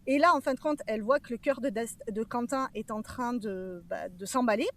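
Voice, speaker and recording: Her voice is a little high as she speaks as a podcast guest. She offers an earnest, emotionally charged personal testimony, stopping frequently to find the right words.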